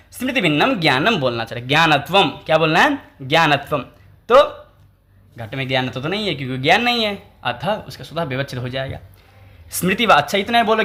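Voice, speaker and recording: A man's voice: fairly high pitch, pushed and bright. A man, teaching a text through a lecture. He asks questions, answers them himself and repeats the key terms. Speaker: Sanskrit teacher. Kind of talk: explanatory lecture.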